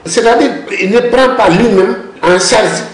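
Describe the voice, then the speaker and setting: Speaking a little slowly in a high voice, a male language policy expert gives lengthy explanations during a discussion interview. He is insistent and frequently cuts in, repeating words. The recording carries a roomy echo.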